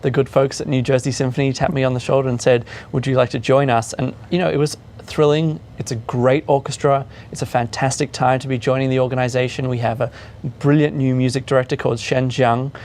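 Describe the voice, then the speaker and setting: A man's voice: medium pitch, flat delivery, brisk, darkish tone, slight background noise. A man from Australia with a mixed Australian accent, a guest in a studio interview, talking easily with frequent fillers. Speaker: orchestra chief executive, guest.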